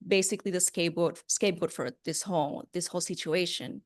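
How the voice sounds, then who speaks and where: A broadcast journalist, a woman, shares personal stories as an interview guest, speaking casually and earnestly while stressing key words. Her voice sits on the low side and moves a little fast.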